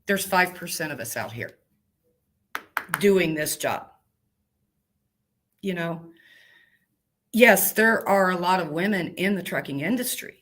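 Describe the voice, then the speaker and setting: This is a woman truck driver giving a casual interview, with a slightly low voice. She speaks plainly and with emphasis, in a folksy, down-to-earth manner that leans into her points. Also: lively intonation, slow, long pauses, fairly bright tone, a little hiss or hum.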